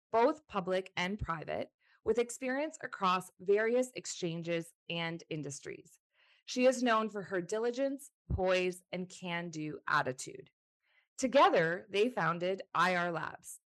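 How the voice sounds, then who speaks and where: A woman's voice: mid-range voice, animated, unhurried. A woman hosting an interview podcast, reading introductions and asking questions with upbeat enthusiasm. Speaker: podcast host.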